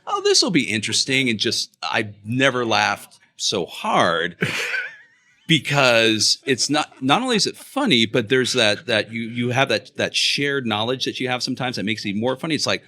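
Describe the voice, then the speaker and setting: A man hosting a podcast with a bright, sharp-edged voice that swoops up and down a lot. He rambles through his thoughts with fillers and restarts, laughing as he talks. His tone is casual and chatty. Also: medium pitch, lively intonation, measured pace. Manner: laughs while talking. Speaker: podcast host.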